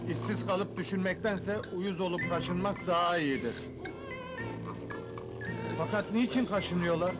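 A man's voice: high voice, a little slow, long pauses, over loud music. An actor playing an earnest, wry small-town man posing as a doctor in an old comedy film. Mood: puzzled, wry.

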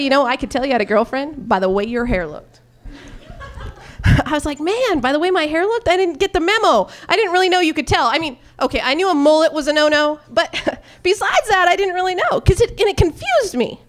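A woman's voice: extremely high pitch, a little fast, a little hiss or hum. A young woman performing a stand-up comedy routine on a club stage, telling stories with acted-out quotes into a handheld mic. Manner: animated storytelling with acted-out quotes and gestures.

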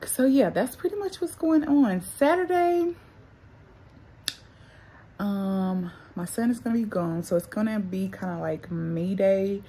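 Young woman, casual vlogger, husky tone, retainers making her speech slightly muffled. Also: medium pitch, dark tone. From North Carolina, USA. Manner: chatty, addresses viewers as y'all and girl. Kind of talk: casual vlog chat.

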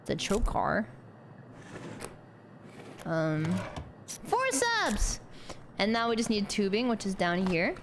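Young woman streamer, giggly, lots of um, slow drawl, noisy rain behind her. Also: medium pitch, creaky. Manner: talks to chat, animated, giggly, mumbles "um" often. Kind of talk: casual gameplay commentary.

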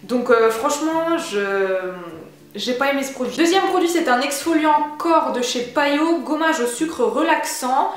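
A woman's voice: high-pitched, animated, unhurried, heavy reverb. A young woman chatting casually through a beauty haul vlog, slangy and enthusiastic. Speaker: beauty vlogger.

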